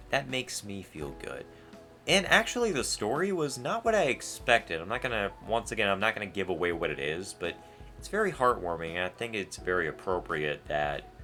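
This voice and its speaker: A man giving casual let's play commentary, rambling and animated, with sarcastic asides. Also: low-pitched. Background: faint game music.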